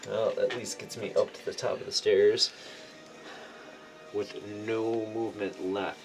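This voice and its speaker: A man's voice: on the low side, little pitch movement, a little slow. A man talking casually as a player in a tabletop game. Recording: music clearly behind the voice.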